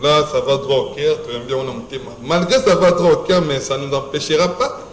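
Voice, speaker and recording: A man's voice: fairly high pitch, a little fast, reverberant, a little hiss or hum, low-quality recording. A man with a Congolese accent hosting a studio talk show, speaking emphatically and rhetorically. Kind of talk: studio talk show, mixing French and Lingala. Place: TV studio set.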